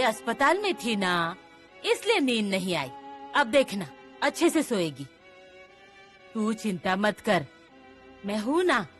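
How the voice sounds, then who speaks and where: An actress playing a middle-aged mother in a TV serial who reassures her son and gives him protective instructions, with background music playing. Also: fairly high pitch. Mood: reassuring. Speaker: mother of the household. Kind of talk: TV serial acting.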